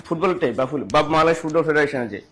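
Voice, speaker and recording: A man with a Bangladeshi accent teaches an online exam-prep class. His voice sits high. He fires questions at listeners and repeats each answer. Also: racing, fairly bright tone. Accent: Bangladeshi Bengali.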